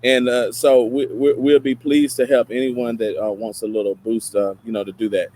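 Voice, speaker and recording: A man from East Tennessee with an Appalachian twang, co-hosting a talk show in a casual, folksy, halting way and often correcting himself. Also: medium pitch, fairly even intonation, a little mellow, slight background noise. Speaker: show co-host.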